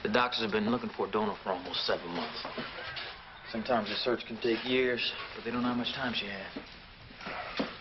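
A man doing pleading brother, urgent, dull lo-fi sound, steady hiss. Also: on the low side, moderate pace, pauses often, lightly acted. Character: pleading brother urging a family duty. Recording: dull lo-fi TV audio with noise.

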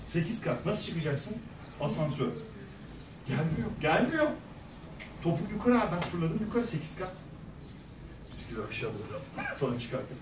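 A middle-aged man speaking as a guest at a school career day, telling stories in a lively way and acting out the people he quotes. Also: on the high side, normal speed, pauses often, noisy background. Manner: animated, acts out quoted voices, jokes with the audience. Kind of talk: lively storytelling talk to students. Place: large echoey school hall. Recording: echoey hall, speaker far from mic.

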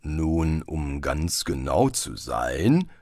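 Guy doing a low, slow, friendly talking tree, mild and helpful. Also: no room sound, clean studio sound, heavily acted. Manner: calm, mild and obliging. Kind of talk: audiobook reading.

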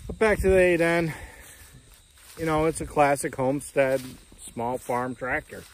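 On the high side and unhurried, a man in his forties walks around a tractor on a rural farm lawn for his homesteading vlog, rambling in a folksy way with plenty of "uh" and "you know." He records on a phone camera held at arm's length, with slight background noise.

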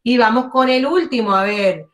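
A woman teacher leads an online class over a video call, praising her students often. She drags out English words slowly and exaggerates each sound so the class can copy them. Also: on the high side, a bit bright.

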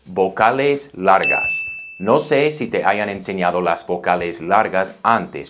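Male pronunciation teacher, very low voice, slow and patient drills over soft background music. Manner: patient, drills words slowly for learners to repeat. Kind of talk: online language lesson.

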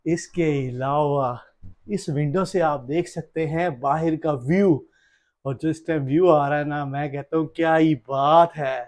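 Guiding his audience first along a wooded road and then into a cottage, this travel vlogger, a man in his thirties with a high voice, narrates informally and addresses viewers directly. He's a lively showman who exclaims often.

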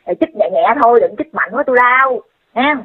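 A regretful father stammers through a confession, as a woman puts him on. The voice is faintly husky, and the tinny phone line strips away its depth. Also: a little high, expressive. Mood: remorseful. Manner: halting, full of hesitations. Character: remorseful middle-aged father confessing to doctors.

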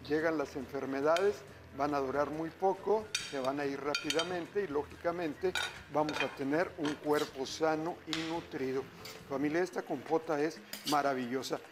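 A middle-aged man hosts a TV cooking show from a studio kitchen, chatting upbeat with viewers as he cooks and repeatedly calling them "familia." His voice is on the high side at a normal speed, with a noisy background.

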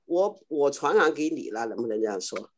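A woman's voice: very deep voice, sing-song, brisk, husky. A woman student in an online English class, hesitantly thinking aloud as she asks her teacher about words. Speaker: adult student. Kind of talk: asking questions in online class. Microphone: video call.

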